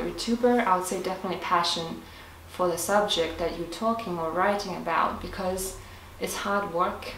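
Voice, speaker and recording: Captured from a distance in an echoey room with faint background hiss, a woman with a fairly low but slightly bright voice responds to her viewers in a casual vlog. She's a health vlogger who reasons out loud, laying things out step by step and restarting small bits as she goes.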